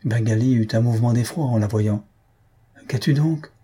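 Husky man narrating a novel. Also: fairly low pitch, flat delivery, a little fast, dark tone. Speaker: audiobook reader. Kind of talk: scripted narration.

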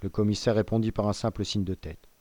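A man narrating a classic novel in a measured, composed way. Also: on the low side, steady tone, mellow, no echo. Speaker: audiobook reader. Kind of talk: scripted literary narration.

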